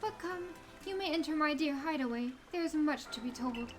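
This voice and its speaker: Girl reading as mysterious wise game lady, formal old-timey grave talk, high voice. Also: lively intonation, normal speed, soft background music. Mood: grave, instructive. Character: stately, cryptic female sage from a fantasy game. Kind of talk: reading game dialogue in character.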